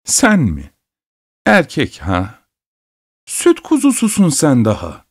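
A man voicing a stern, sharp-tongued farm mother who scolds and gives orders. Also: a little high, huge pitch swings, slow pace, breathy edge, voice pushed up, exaggerated voice. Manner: scolding, commanding.

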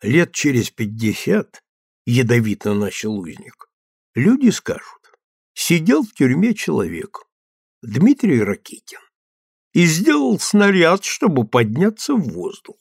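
A proud prisoner and inventor, as a male reader puts him on, sardonic and restrained, with a lively, rising voice. Close and dry. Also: on the low side, measured pace, slightly rough, no room sound, full character voice.

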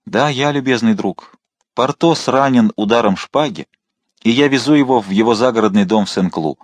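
A man playing a bold, witty young musketeer officer who talks quickly and confidently, with a mocking edge. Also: medium pitch, no echo, close to an everyday voice.

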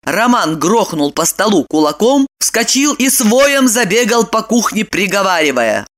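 A woman narrating an audiobook in an expressive, lively storytelling manner. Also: medium pitch, normal speed.

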